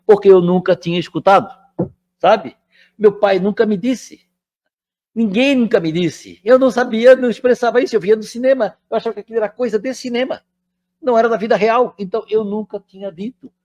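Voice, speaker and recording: A man's voice: high-pitched, a little fast, darkish tone. An older man, giving a conversational spiritual lecture and often checking in with his listeners. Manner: chatty, keeps checking in with the audience.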